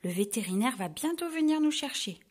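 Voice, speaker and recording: A woman reading a children's storybook, voicing a cheerful, caring young woman in a high, eager, sing-song voice. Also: animated, a little fast.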